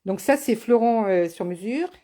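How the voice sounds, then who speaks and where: A woman's voice: fairly high pitch, animated, normal speed, warm tone, slight background noise. A woman running a live card-making tutorial as a craft demonstrator, chatty and teasing, speaking to viewers by name. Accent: has an accent, not named.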